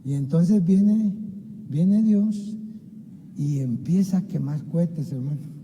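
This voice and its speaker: An impassioned man preaching a sermon with a deep, mellow, warm tone pitched slightly high. He calls out to the congregation and acts out scripture scenes. His voice rings with the long reverb of a church hall. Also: slow pace, a little hiss or hum. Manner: impassioned, keeps addressing listeners as "hermano"; acts out biblical dialogue. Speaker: pastor. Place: church sanctuary.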